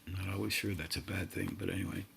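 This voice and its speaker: A man giving a meditative spiritual talk in slow, halting, drawn-out phrases. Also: sits low, level tone, vocal fry, a bit bright, breathy edge. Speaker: spiritual teacher.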